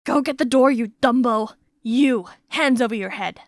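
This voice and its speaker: A woman voicing a boastful, sneering gang boss in an animated story, with slow theatrical villain menace. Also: on the high side, dry recording, clean studio sound, close to an everyday voice. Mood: bossy, scornful. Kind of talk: animated story character acting.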